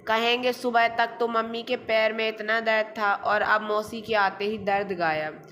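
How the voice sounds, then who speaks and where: A woman's voice: a little high, steady tone, measured pace, fairly bright tone, a little hiss or hum. A woman voicing a meek, hesitant middle-aged mother in a storybook reading.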